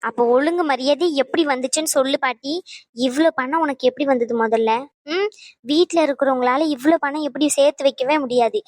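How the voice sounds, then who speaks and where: A woman's voice: high-pitched, fairly quick, no room sound, clean studio sound, close to an everyday voice. Woman voicing a bossy scolding granddaughter. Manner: scolding, demanding. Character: bossy young granddaughter interrogating her grandma.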